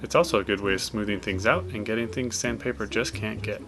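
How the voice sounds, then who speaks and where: A man with a fairly low voice narrates a hands-on how-to video. He explains each step in a plain, matter-of-fact way, like a casual scripted tutorial. Music plays clearly behind him. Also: fast talker.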